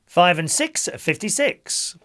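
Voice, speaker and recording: A man calling numbers at a bingo night has a notably high voice whose pitch leaps around in a sing-song, slow, fairly bright way. A jokey, chummy showman, he mixes rhymes with banter and calls the players "gang" and "my loves."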